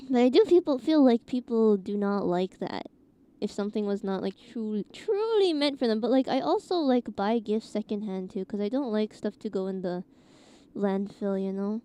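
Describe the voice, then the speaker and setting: A woman's voice: mid-range voice, animated, moderate pace, mellow, clean tone. A woman streamer chatting casually in a scratchy morning voice, rambling with lots of fillers and laughs. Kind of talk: casual chat.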